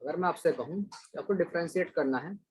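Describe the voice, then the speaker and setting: Husky-voiced male teacher, patient. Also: on the high side, fairly quick, low-quality recording. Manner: patient, praises students by name. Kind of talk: online class lesson.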